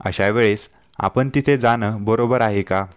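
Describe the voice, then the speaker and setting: A man's voice: lowish voice, unhurried, smooth, no room sound, studio quality, lightly acted. A man voicing a joking, loving young husband in a told story, light and reassuring. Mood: jokey. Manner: jokey, reassuring. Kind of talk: storytelling dialogue.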